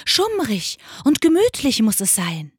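A woman's voice: wildly swooping pitch, a little slow, husky, no echo, clean studio sound, full character voice. A woman voicing a hooting owl who wants a dim, cozy Christmas in a storybook fable. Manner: high hooting.

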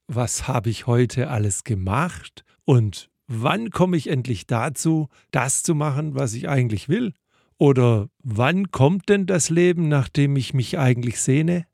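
A man giving a thoughtful devotional reflection, speaking in a measured way. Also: medium pitch, vocal fry, a little mellow, no echo, studio quality. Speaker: preacher.

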